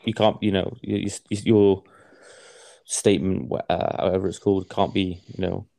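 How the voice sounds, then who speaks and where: Young guy, low mellow voice, rambling casual chatter with lots of swearing. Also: little pitch movement, vocal fry, no room sound. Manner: rambling, halting, swears a lot. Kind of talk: casual chat.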